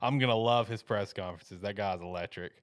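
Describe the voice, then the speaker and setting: A man with a lowish, smooth, clear voice talks excitedly about football draft classes, emphatic and chatty, throwing in "man" as he goes. The sound is close and dry. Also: a little fast, no echo. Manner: enthusiastic, emphatic, says "man" often. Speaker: co-host. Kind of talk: casual sports podcast chat.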